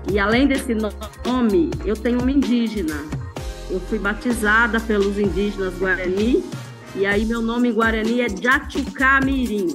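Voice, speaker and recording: A woman in her fifties introducing herself in a documentary interview, unhurried and good-humored. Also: on the high side, music in the background. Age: 50s.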